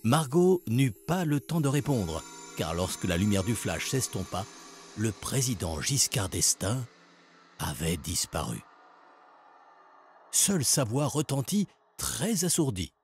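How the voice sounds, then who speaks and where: Animated male storyteller for children. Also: mid-range voice, takes it slowly. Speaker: narrator. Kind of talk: scripted narration of a children's story. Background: music.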